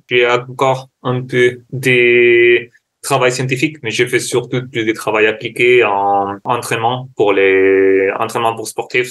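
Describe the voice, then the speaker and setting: A man's voice: mid-range voice, a bit bright. A Spanish man speaking French with a Spanish accent, a sport science researcher who searches for words as a guest in an interview. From Spain.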